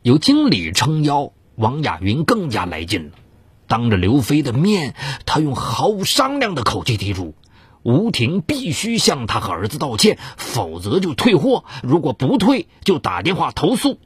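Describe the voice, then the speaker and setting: At a moderate pace and with wildly swooping pitch, a man dramatizes a true-crime story for suspense in a theatrical style. A breathy edge colors his voice, and the recording has no echo.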